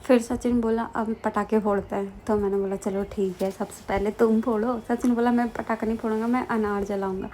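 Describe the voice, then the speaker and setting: A woman's voice: mid-range voice, fairly even intonation, a little fast, hardly any pauses, a little mellow, a little hiss or hum. A young woman from the Kumaon hills, chatting casually through her vlog narration with lots of fillers. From Kumaon, Uttarakhand. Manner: chatty, frequent fillers, laughs while telling. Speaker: vlogger.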